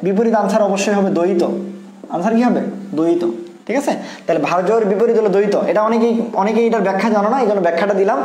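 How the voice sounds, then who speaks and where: A man with a high, quick voice goes through test questions one by one. He repeats key points and keeps asking whether his students follow. The sound carries noticeable room echo. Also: steady tone, a little mellow, slight background noise. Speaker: admission test tutor. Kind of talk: exam answer walkthrough.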